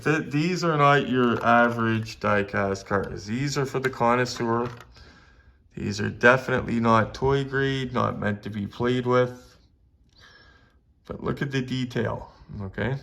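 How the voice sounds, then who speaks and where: A Canadian man hosts a casual collectibles review video, talking straight to viewers in an enthusiastic, medium-pitched voice that's creaky and a bit bright. He keeps repeating phrases for emphasis, and there's slight background noise.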